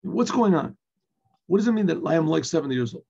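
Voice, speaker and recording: A man's voice: a little high, expressive, quick pace, vocal fry, a little mellow, husky. An older man, a rabbi, teaching a text in a Torah class, asking and answering his own questions and slipping in Yiddish and Hebrew phrases, recorded on a webcam in a room with bookshelves. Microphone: webcam video recording. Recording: dull lo-fi webcam audio.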